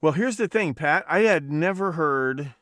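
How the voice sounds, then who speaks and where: Fairly high-pitched and expressive, this man speaks at a measured pace with a slightly bright tone. He's hosting a podcast livestream, chatting casually in a profane, meandering way and correcting himself as he goes. The sound is studio quality, without echo.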